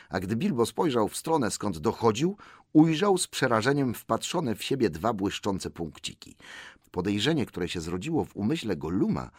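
Give me a man narrating a story with a very lively, suspenseful delivery and a dry sound. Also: lowish voice, breathy edge, no echo. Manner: expressive, building suspense. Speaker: audiobook narrator. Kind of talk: dramatic audiobook narration.

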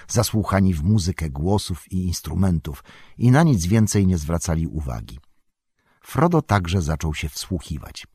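A man narrating an audiobook in an expressive, lingering manner. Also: low-pitched, breathy edge, no echo, studio quality. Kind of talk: scripted narration.

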